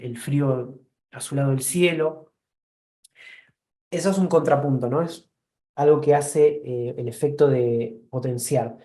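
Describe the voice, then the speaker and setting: A man's voice: fairly high pitch, warm tone. A man with a Rioplatense Spanish accent joining a live online painting class, speaking hesitantly and searching for words.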